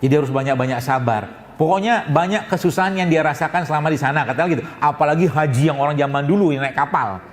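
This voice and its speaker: A man's voice: fairly high pitch, quick pace. A man preaching a sermon to a congregation. He asks questions and then answers them, and at times his voice rises into emphatic urgency. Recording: echoey hall recording, faint ambience.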